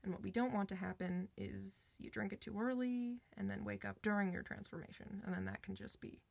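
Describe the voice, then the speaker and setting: Playing a reassuring physician for werewolves, a woman performs an informal ASMR roleplay where only she speaks. Her mid-range voice holds a steady, creaky tone with no room sound at all. The mood stays calm, and she reassures casually, pausing hesitantly now and then.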